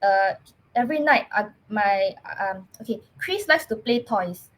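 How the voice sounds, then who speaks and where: A woman with a Singaporean English accent telling her own story as a podcast guest, earnest and halting, often restarting her words. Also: medium pitch, expressive, poor audio. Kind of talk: personal storytelling in casual chat.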